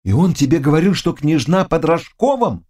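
A man reading an audiobook voices a small male knight who speaks calmly and firmly. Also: on the high side, normal speed, pitched above the performer's own voice. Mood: questioning.

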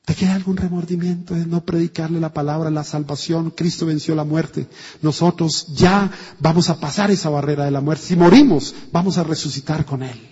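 A man with a Colombian accent preaching a sermon, animated, asking many rhetorical questions and swinging between loud and soft. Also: on the high side, brisk, slightly rough. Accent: Colombian Spanish. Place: church hall. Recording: dull sound with long church reverb.

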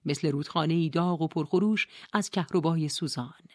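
A woman narrating an audiobook in a soft, hushed, breathy voice. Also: deep voice, no room sound, clean studio sound. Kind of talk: scripted narration.

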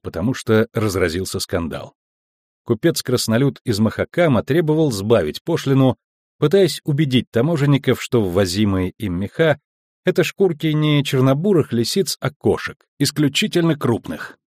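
Guy narrating a fantasy audiobook, animated, dry close mic. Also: mid-range voice, moderate pace, no echo. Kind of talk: scripted narration.

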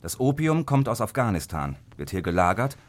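A male actor voices a wary, greedy Victorian opium addict spilling secrets in a radio crime drama. His low-leaning voice is very animated, stressing words in a theatrical, deliberate way, and the mood is grim and secretive.

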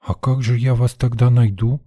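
A man voicing a small frightened, stubborn little girl in an audiobook, squeaky and tearful. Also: fairly even intonation, moderate pace, mellow, lightly acted. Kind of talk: audiobook character voice.

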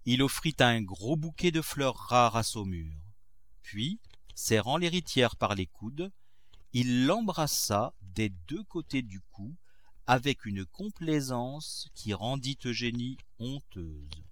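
A man narrating a classic novel in a measured, expressive way. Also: mid-range voice. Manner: measured, expressive, acts out characters. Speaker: audiobook narrator.

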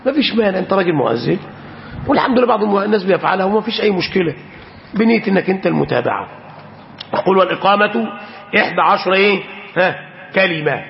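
A man with an Egyptian accent teaching a religious lesson, repeatedly calling for attention and pausing so students can finish his sentences. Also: high-pitched, expressive, gravelly, in a large hall, highs cut off, a little hiss or hum. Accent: Egyptian Arabic. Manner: prompts students with fill-in questions and repeats 'pay attention'. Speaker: sheikh teaching Islamic jurisprudence.

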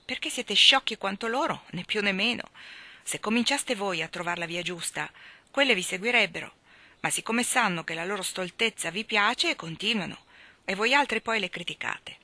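A woman's voice: mid-range voice, expressive, moderate pace, sharp tone, no room sound, pitched above the performer's own voice. A woman reading the lines of a frank young woman in a storybook audiobook, earnest and mildly scolding.

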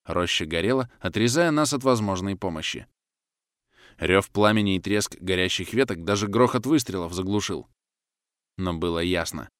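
Low-voiced male audiobook narrator. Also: expressive, moderate pace, a bit bright, no echo, clean studio sound. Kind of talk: first-person war novel narration.

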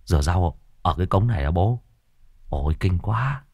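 A squeamish teenage son , voiced by a man, pleads anxiously with his father. The voice stays low but lively, recorded close and dry. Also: normal speed, vocal fry, no room sound, heavily acted. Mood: worried.

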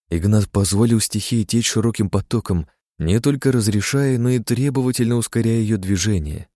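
A man reading a fantasy audiobook as narrator, in a dramatic, steady reading style. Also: on the low side, dry recording, studio quality. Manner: dramatic, steady reading that voices characters' shouts.

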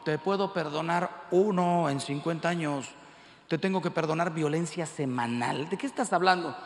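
Mexican priest in his 50s, preaching with jokes and little acted-out scenes, higher voice, echoey big hall. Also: moderate pace. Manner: animated storytelling, acting out dialogue in voices. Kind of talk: humorous sermon to a large audience. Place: large hall with live audience.

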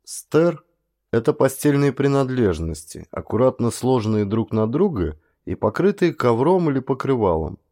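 A man reading a story aloud as narrator, in an even, measured storytelling manner. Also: mid-range voice. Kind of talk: scripted audiobook narration.

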